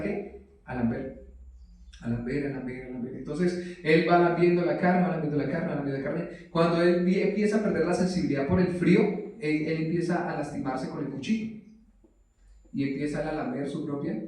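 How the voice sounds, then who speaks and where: A man preaching a sermon who often turns questions to his listeners and moves between loud cries and soft asides. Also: a little high. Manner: animated, rising to loud exclamations and dropping to soft asides. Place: church hall. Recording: echoey hall, mic at a distance.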